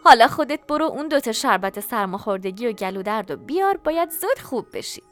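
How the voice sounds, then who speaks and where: A loving mother, voiced by a woman narrator, tender but firm, with a gently teasing edge. Her high voice rises and falls expressively. Soft music hums faintly behind the storybook reading. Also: animated. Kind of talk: audiobook character voice.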